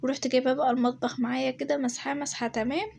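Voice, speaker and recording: A woman's voice: sits high, little pitch movement, very fast, vocal fry, darkish tone, slight background noise. A woman with an Egyptian accent, chatting through a voice-over of her home routine with lots of fillers and check-ins with viewers. Her voice sounds a little off. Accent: Egyptian Arabic. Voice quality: slightly changed, a bit off. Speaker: home vlogger.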